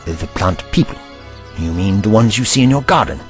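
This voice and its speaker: A man's voice: fairly low pitch, expressive, brisk, faint music behind. A man playing a curious, kindly, slightly pompous Doctor with formal, theatrical courtesy in an audio drama. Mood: intrigued.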